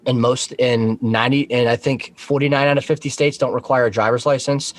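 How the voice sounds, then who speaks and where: A Coast Guard member appears as a talk show guest, speaking casually in a medium-pitched man's voice with fairly even intonation and a fairly quick pace. He explains things frankly and swears some along the way.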